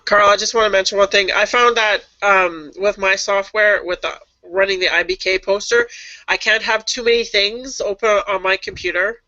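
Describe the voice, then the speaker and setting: A man's voice: high-pitched, steady tone, moderate pace, sharp tone, no room sound. A man on a casual group call, sharing a tip hesitantly with many fillers, over dry lo-fi call audio. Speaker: team member on a call.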